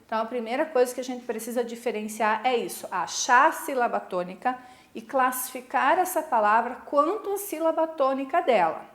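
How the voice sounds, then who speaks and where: A woman's voice: fairly high pitch, animated, a little fast. Patient Brazilian woman teaching, echoey room. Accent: Brazilian Portuguese. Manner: patient, instructive, frequent tag questions. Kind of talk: recorded online lesson for sixth graders.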